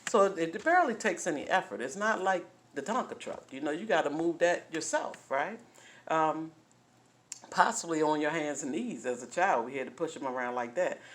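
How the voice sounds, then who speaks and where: A woman's voice: low-pitched, animated, normal speed. Woman in her fifties hosting a solo talk, folksy and chatty. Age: 50s. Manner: chatty, folksy, keeps asking "right?". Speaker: host. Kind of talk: casual talk on relationships.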